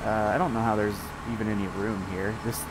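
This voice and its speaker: A man's voice: on the low side, little pitch movement, brisk, heavy background noise. A man hosting a live game stream, talking casually with a stuffed-up morning voice and rambling with fillers and restarts. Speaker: streamer playing a farming game with friends.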